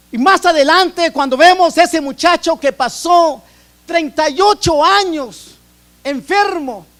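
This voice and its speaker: A man's voice: very high-pitched, a bit bright. A man from Guatemala with a Guatemalan accent, preaching a sermon in an earnest way, often repeating and restarting phrases. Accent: Guatemalan Spanish.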